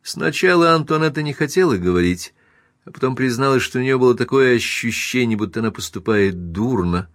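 A man reading a classic novel aloud as audiobook narrator, even and measured. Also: mid-range voice, no echo, clean studio sound. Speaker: audiobook reader.

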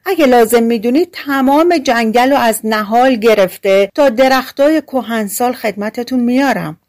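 A woman's voice: on the high side, darkish tone, no echo, clean studio sound, voice pushed up, lightly acted. A woman doing a bragging little tailor. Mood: eager servile. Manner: eager, servile, bragging. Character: boastful small male tailor, scared but bragging.

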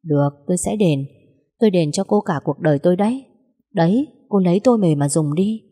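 Storybook young male suitor, steady and teasing, read by a woman, husky lowish voice. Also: brisk, in a large hall. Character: young man, calm, teasing, persistent suitor.

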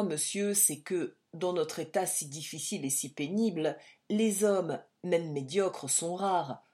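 A woman audiobook reader narrates a story aloud from a script, reading in a measured, expressive way. Her pitch is fairly low.

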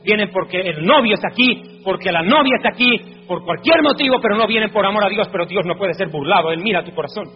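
High-pitched male preacher, emphatic and questioning, reads scripture; reverberant dull recording with soft music underneath. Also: animated, fast. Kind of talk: evangelical sermon.

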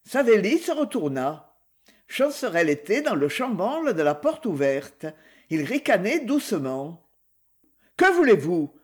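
A woman narrating a crime novel as an audiobook, in steady storytelling. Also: medium pitch, unhurried, breathy edge.

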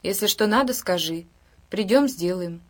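A woman reading the part of a weary male army sergeant who speaks calmly and briefly. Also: mid-range voice, normal speed, lightly acted. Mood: terse. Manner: calm, terse, tired. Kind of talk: audiobook character reading.

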